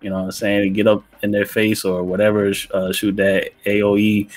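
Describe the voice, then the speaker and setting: A man's voice: fairly low pitch, completely flat delivery, fairly quick. A man co-hosting a gaming podcast in a laid-back way, often adding "you know what I'm saying.". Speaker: podcast co-host. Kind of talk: casual gaming podcast chat.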